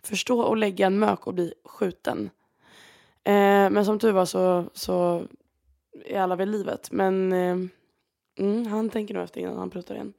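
A woman hosts a podcast alone, rambling through her week's stories with plenty of fillers. Her voice sits at a middle pitch with a gravelly, fry-heavy edge. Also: level tone, darkish tone. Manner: chatty, rambling, many fillers. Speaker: podcast host. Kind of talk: casual storytelling monologue.

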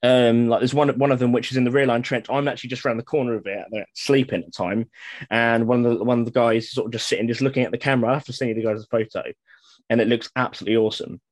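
Guy rambling excitedly on a podcast, dry close mic, full of ums and likes. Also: medium pitch, quick pace, dry recording. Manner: enthusiastic, rambling with many fillers. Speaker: guest, living history reenactor. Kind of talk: casual podcast chat.

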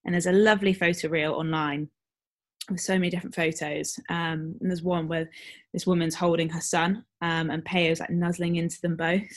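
A woman co-hosting a podcast, chatting casually with her co-host. Her voice sits on the low side, and she pads her sentences with fillers and quick laughs as she tells a story. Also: flat delivery. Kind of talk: casual chat.

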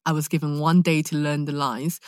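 Her deep voice, with little pitch movement and a slightly fast pace, comes through as a dry, clean studio recording. A young London actor and podcast guest, she chats expressively with a London accent, telling animated, candid, slangy stories.

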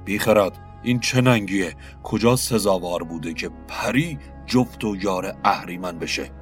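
A man's voice: deep voice, steady tone, soft background music, natural voice. A man voicing a furious old king. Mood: scornful. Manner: roaring, harsh.

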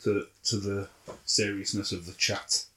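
Guy on a podcast, lowish voice, dry wry jokes, mumbles the ends of lines. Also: little pitch movement, unhurried, pushed and bright. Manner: dry, wry, drops volume at sentence ends. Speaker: podcast co-host. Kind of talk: casual chat.

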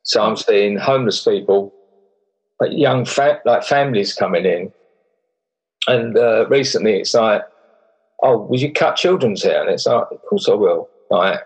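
Husky middle-aged Essex man. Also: fairly low pitch, expressive, unhurried, poor audio. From Essex, England. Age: middle-aged or older. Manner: plain-spoken, slangy, mildly sweary. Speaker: volunteer barber for homeless people. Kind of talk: casual chat, telling anecdotes.

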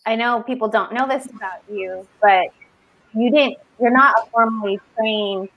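A woman co-host asking the guest slow, deliberate questions. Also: on the high side, fairly bright tone. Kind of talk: interview questions.

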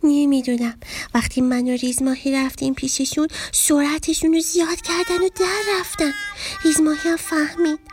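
A woman's voice: high voice, steady tone, natural voice. A woman voicing a scatterbrained young fish who rambles, gets tongue-tied and easily confused, in a children's story. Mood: explaining.

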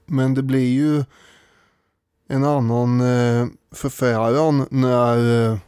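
A man's voice: medium pitch, flat delivery, mellow, clean tone, dry recording, studio quality. A man co-hosting a casual history podcast, thoughtful and hesitant, with frequent fillers as he talks. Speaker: podcast co-host.

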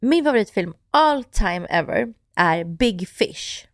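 A woman's voice: mid-range voice, animated, no room sound, studio quality. A young woman co-hosting a podcast, chatting enthusiastically and supportively. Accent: Swedish. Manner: enthusiastic, supportive, recommends shows. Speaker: podcast co-host. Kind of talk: casual chat.

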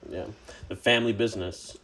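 Low-pitched man, podcast co-host, wry running commentary over a movie watch-along. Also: fairly even intonation, fairly quick, bright, forceful tone. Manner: wry, narrates what happens on screen.

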